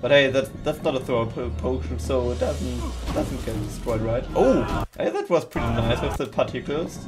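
A young man from Germany with a German accent, hosting a casual reaction video, chatty and giggly with slightly halting English. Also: medium pitch, expressive. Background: loud music from the video he watches.

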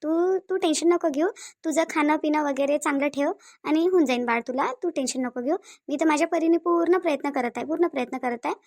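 A soothing female doctor from a cartoon, voiced by a woman with a Varhadi Marathi accent. The voice sits high with a gravelly edge, and the recording is close and dry. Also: a little fast, darkish tone, no room sound. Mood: reassuring. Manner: soothing, repeats reassurances. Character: calm reassuring female doctor, middle-aged.

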